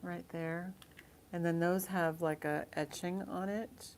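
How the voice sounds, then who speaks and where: Casting: woman, deep-pitched casual auctioneer for live selling, informal and chatty, faint noise behind. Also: fairly even intonation, takes it slowly, darkish tone. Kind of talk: casual live-sale auctioneering, counting down bids.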